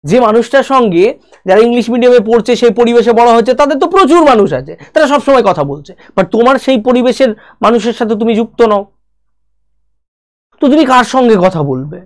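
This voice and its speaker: A woman's voice: on the high side, expressive, brisk. A woman with a Bengali accent giving a spoken English lesson, speaking straight to the viewer and going through learners' problems one by one. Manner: direct, talks to the viewer as "you", lists problems one by one.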